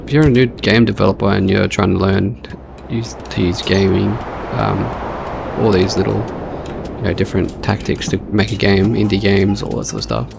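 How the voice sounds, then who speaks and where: Gravelly laid-back man narrating his gameplay. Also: on the low side, steady tone, moderate pace. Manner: laid-back, thinking aloud while playing. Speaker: channel host testing AI models. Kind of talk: casual screen-recorded gameplay commentary. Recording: home recording with clear background noise.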